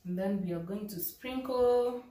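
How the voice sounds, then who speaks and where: A woman's voice: medium pitch, a little slow, dark tone, reverberant. A young woman co-hosting a home cooking vlog, speaking straight to her viewers and mixing Swahili into her English. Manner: addresses viewers as "guys", mixes Swahili into English. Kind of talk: casual cooking demonstration. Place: home kitchen, indoors.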